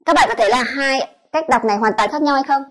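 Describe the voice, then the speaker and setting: Woman teacher, Vietnamese accent, somewhat high voice, spells out sounds one by one in a clear lesson. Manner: demonstrates sounds slowly, repeating each one. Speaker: English pronunciation teacher. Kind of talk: explanatory lesson.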